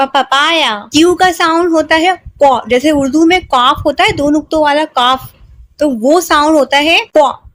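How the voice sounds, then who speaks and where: Woman teacher, high voice, unhurried, patient drilling of sounds, dry close sound. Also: a bit bright, dry recording. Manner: slow, patient, repeats each sound many times. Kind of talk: phonics lesson.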